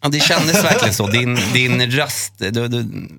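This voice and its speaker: A man's voice: medium pitch, animated, sharp tone, no room sound. A male guest telling a personal story in a hesitant way, with many fillers.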